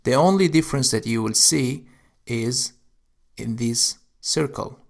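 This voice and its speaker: A man's voice: medium pitch, unhurried, gravelly. A man teaching Arabic letters, explaining how to write each one step by step. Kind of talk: instructional narration.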